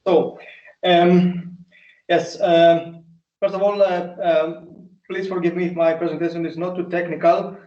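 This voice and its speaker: A man's voice: high voice, level tone, recorded from a distance, muffled recording. Man presenting over an echoey video call. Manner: halting, polite presenter. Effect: video call audio. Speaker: application engineer presenting at a workshop.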